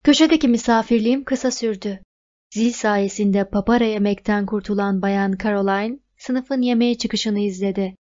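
A woman reading a novel aloud as audiobook narrator, in an even, measured way. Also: medium pitch. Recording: dull lo-fi recording.

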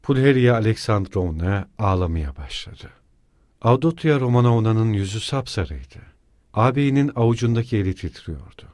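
A man narrating an audiobook in an expressive, measured reading. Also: fairly low pitch, dry recording, studio quality. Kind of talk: scripted narration.

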